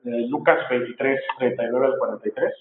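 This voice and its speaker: A man's voice: mid-range voice, fairly even intonation, fairly quick, a little hiss or hum. A man preaching a sermon earnestly, pressing his listeners with repeated rhetorical questions. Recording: echoey, tinny phone-like sound.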